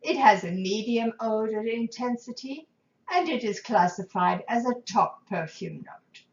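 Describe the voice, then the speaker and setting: A woman speaks in a gentle, measured way, easing through lists of scents and notes as she teaches about aromatherapy. Her pace is unhurried and slow. The sound is roomy and a little dull. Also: on the high side, lively intonation. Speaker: aromatherapy presenter. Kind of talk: calm instructional talk.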